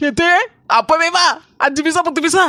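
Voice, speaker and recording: A woman's voice: very high-pitched, normal speed, pushed and bright, slight background noise. A woman voicing chiding village in-laws in a cartoon comedy, with a Kanyakumari Tamil accent and mocking banter. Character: high-voiced village sister-in-law and kin, chiding.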